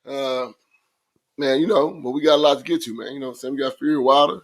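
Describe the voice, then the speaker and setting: A man with a hoarse voice that is coming back, co-hosting a casual sports podcast in a laid-back, rambling way. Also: medium pitch, fairly even intonation, quick pace. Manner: laid-back, keeps saying "you know what I'm saying". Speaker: podcast co-host. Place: at home in Phoenix.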